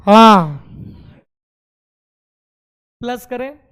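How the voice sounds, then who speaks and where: A man's voice: high-pitched, lively intonation, drawn-out words, fairly bright tone, clean tone. A man teaching chemistry to a classroom of students. He explains step by step and keeps asking the class questions.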